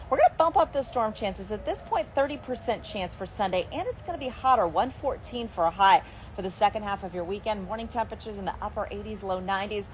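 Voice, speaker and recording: A woman TV weather forecaster giving an upbeat, brisk live report from an outdoor patio garden. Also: medium pitch, a little mellow, slight background noise. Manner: upbeat, brisk broadcast delivery.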